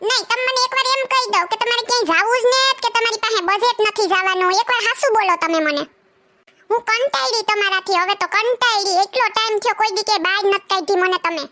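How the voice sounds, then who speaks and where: A woman's voice: extremely high pitch, quick pace, sharp tone. A woman playing a nagging young wife who scolds and complains sarcastically, speaking. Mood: scolding.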